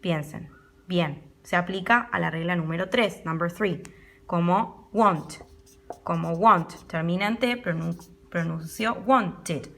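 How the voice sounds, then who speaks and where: A woman's voice: on the low side, vocal fry, fairly bright tone. A woman English teacher, patiently explaining a pronunciation rule and often checking in with her students. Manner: patient, repeats words slowly and checks in with students. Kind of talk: classroom lesson explaining pronunciation.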